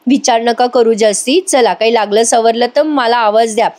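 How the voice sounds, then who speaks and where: A woman voicing a gentle young daughter-in-law. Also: a little high, moderate pace, natural voice. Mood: caring.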